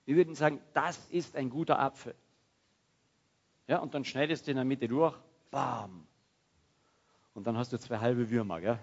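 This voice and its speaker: A man preaching a sermon in a lively, conversational way. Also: medium pitch, normal speed, long pauses, breathy edge, muffled recording. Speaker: pastor.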